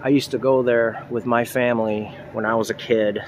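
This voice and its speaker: A man's voice: mid-range voice, little pitch movement, normal speed, slight background noise. Chatty man narrating a station walk. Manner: chatty, pointing things out as he walks. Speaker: vlogger. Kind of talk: casual walking tour narration. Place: outdoors at a town train station plaza.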